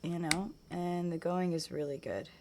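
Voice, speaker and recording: A woman chatting casually while she plays a game, rambling on and trailing off into quiet mutters as she focuses. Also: lowish voice, fairly even intonation, normal speed, noisy background. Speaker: game streamer.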